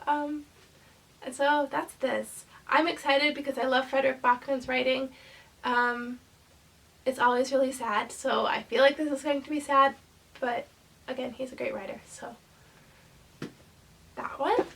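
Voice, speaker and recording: A young woman talks through her new books in a loose, rambling vlog chat, full of ums and likes. Her voice is congested from a cold, fairly high with a gravelly fry. She sits a bit back from the mic. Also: steady tone, measured pace, pauses often, fairly bright tone, distant mic, poor audio. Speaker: book channel host. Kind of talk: casual book haul vlog.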